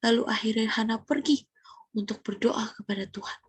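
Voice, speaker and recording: Young woman Sunday school teacher, husky, fairly high voice, dry close sound, animated storytelling with questions to the kids. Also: moderate pace, dry recording. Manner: animated, asks children questions, drops into whispers. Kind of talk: Bible storytelling lesson for children.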